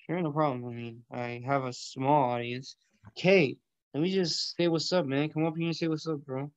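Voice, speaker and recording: A man's voice: on the high side, steady tone, normal speed, no echo, highs cut off. A young man from Colombia hosting an online audio room, chatting casually about food and math in loose slang peppered with swearing. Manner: laid-back, profane slang with bro and yo. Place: small indoor room.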